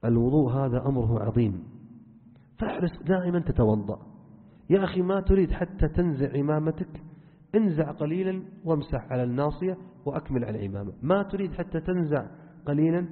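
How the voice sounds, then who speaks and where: A man teaching a religious lesson, earnest and instructive, addressing his listeners directly. His voice sits a little high, and it rings through a long hall echo. The recording is narrow and phone-like. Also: lively intonation, fast talker. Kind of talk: religious lesson, explaining to students.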